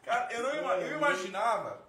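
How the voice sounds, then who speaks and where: A man's voice: extremely high pitch, big pitch swings, fast talker, roomy sound, a crowd in the background. A man co-hosting a podcast in a chatty, enthusiastic way. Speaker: podcast co-host. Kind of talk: casual podcast chat.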